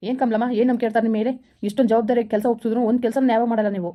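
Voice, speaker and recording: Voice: medium pitch, flat delivery, racing, warm tone, natural voice. A performer playing a stern male gang boss who scolds and threatens his wife impatiently. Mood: scolding. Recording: muffled lo-fi recording.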